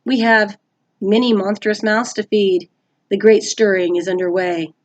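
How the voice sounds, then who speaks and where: A woman voicing a menacing male monster posing as a school official, reading a storybook aloud in a low, hushed, threatening tone. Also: fairly even intonation, a little slow, dull audio, close to an everyday voice. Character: menacing male vice principal monster, sinister.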